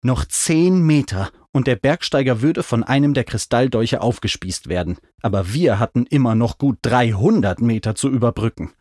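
A man's voice: medium pitch, normal speed, few pauses, a little mellow, dry recording, clean studio sound. A man narrating a first-person adventure story in a vivid, dramatic reading style. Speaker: audiobook narrator.

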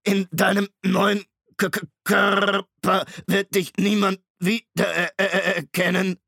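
Brief: a menacing undead machine stalker in an audiobook, high and loud, slow stuttering drawl. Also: male voice, level tone, no room sound, studio quality, heavily acted. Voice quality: stuttering, creaking like a damaged tape. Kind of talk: audiobook reading.

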